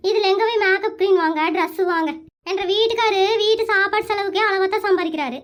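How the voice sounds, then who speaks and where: A woman's voice: extremely high pitch, fairly quick. A woman voicing a put-upon middle-aged village housewife with a Kongu Tamil accent, complaining in a comic cartoon. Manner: plaintive, complaining.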